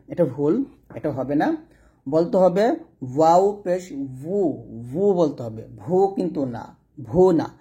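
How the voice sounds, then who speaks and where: Bangladeshi-accented male Quran teacher, mellow tone, stretches out each spelled syllable. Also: a little high. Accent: Bangladeshi Bengali. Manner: drawn-out slow spelling of letters with vowel marks; repeats and corrects wrong pronunciations. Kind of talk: step-by-step recitation lesson.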